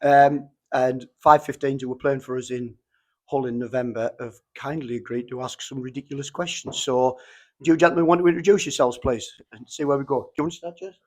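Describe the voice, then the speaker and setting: A man's voice: medium pitch, steady tone, a little fast, a little mellow. Jokey male interviewer backstage. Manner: jokey, loose questioning. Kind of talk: casual interview. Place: backstage green room.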